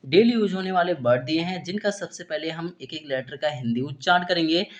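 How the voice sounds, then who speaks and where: A man teaching English reading in Hindi, explaining letter sounds slowly and patiently, often asking himself questions and answering them. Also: a little high. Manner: repeats "theek hai" and asks himself questions; slow, patient, step-by-step explaining. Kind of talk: Hindi-language phonics lesson.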